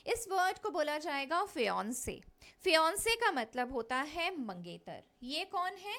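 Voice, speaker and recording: A woman's voice: high-pitched, big pitch swings, measured pace, pushed and bright. A woman teaching an English grammar lesson for exam prep, mixing Hindi and English, explaining step by step and drilling pronunciation by repeating words. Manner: mixes Hindi and English, addresses students directly.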